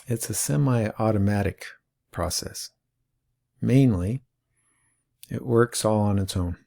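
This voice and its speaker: A man with a low, gravelly voice talks very slowly and calmly, with long pauses. His tone is mellow and dark as he guides listeners through an awareness lesson. He sounds patient and unhurried. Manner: slow and calm, with long pauses. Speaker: mindfulness teacher.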